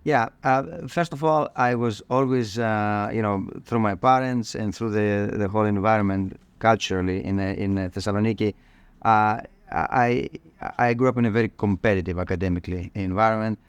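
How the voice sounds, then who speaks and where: Greek guy on a podcast, smooth resonant voice, dry close sound, lots of uh and um. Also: fairly low pitch, no echo. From Greece. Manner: halting, many fillers and restarts. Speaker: cardiologist guest. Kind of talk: podcast interview.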